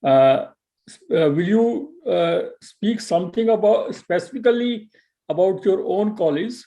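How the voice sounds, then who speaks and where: A male teacher leads a spoken class in a fairly high, mellow voice. He speaks at a slow, deliberate pace, pausing and hesitating as he patiently corrects a student's pronunciation. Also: expressive. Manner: patient, corrects pronunciation slowly with many fillers. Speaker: English teacher. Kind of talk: online spoken English class.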